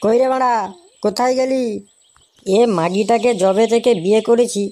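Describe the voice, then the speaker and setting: A woman's voice: a little high, moderate pace, mellow, natural voice. A woman voicing a hot-tempered, henpecked husband in a cartoon, grumbling and cursing at his wife. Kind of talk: cartoon voice acting.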